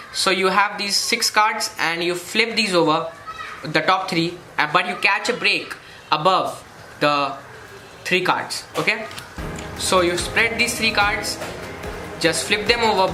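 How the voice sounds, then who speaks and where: A presenter walking through a card trick step by step in an instructional way, often checking in with "okay". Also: mid-range voice. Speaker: magic tutorial presenter. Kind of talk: step-by-step demonstration and tutorial. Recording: roomy echo with faint music.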